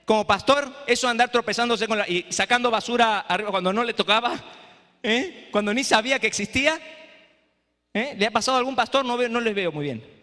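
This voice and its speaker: A man lecturing pastors in a preaching style, lively and rhetorical, often asking the audience "eh?". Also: sits high. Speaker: speaker at a training for pastors. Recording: echoey hall.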